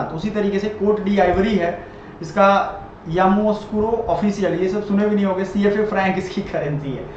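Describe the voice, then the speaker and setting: A man's voice: high-pitched, a little hiss or hum. A man teaching an exam-prep general knowledge lesson, who repeats each answer and quizzes the viewer. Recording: very echoey, dull lo-fi room audio.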